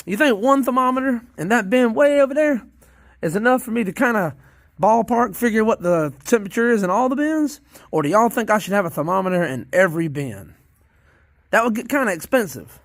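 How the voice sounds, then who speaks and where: A man's voice: high voice, lively intonation, fairly quick, no echo, studio quality. A man with a Southern American accent chatting casually to viewers in a vlog about his worm bins, rambling and repeating himself in a folksy way. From Southern United States. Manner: repeats phrases, restarts often. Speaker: worm farmer vlogger.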